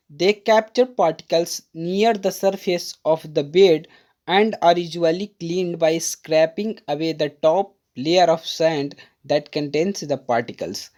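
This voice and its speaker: Woman tutor explaining exam stuff step by step, mellow soft tone, keeps repeating terms, slows down for definitions. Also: medium pitch. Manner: patient, repetitive, addresses viewers as friend, mixes in English terms; reads English definitions aloud slowly. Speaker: diploma course tutor. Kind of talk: exam-prep lecture, explaining a diagram.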